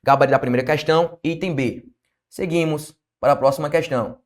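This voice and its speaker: A Brazilian man with a fairly high voice leads an exam-prep grammar lesson, close to the mic. He keeps asking the class questions and answers them himself, with a lively, coaching manner. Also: fairly quick. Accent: Brazilian Portuguese. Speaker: teacher.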